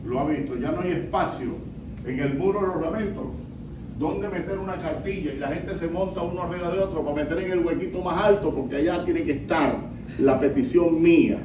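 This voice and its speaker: A man's voice: a little high, fairly quick. A male pastor preaching in a church vigil, asking his listeners questions and repeating their answers. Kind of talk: interactive sermon with congregation reading. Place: church during an evening vigil. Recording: echoey church, distant mic, background noise.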